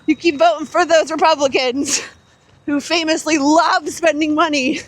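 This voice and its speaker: High-voiced American woman chatting while running. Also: steady tone, moderate pace. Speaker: host of a running chat. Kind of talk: casual chat. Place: outdoors on city streets. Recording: faint outdoor street noise.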